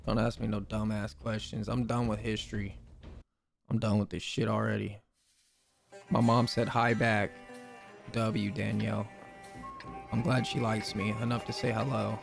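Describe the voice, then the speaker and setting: A man's voice: on the low side, flat delivery, normal speed, creaky, long pauses, faint music behind. A man streaming a game and chatting casually with viewers, laid-back, slangy and rambling. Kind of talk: casual live-stream chat.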